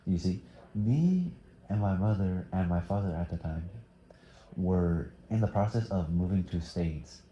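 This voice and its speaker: Very deep, dark-voiced teen boy. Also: animated, unhurried, echoey room, highs cut off. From Thailand. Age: teens. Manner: hesitant, many fillers and restarts. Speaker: interviewee. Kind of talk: casual interview answers.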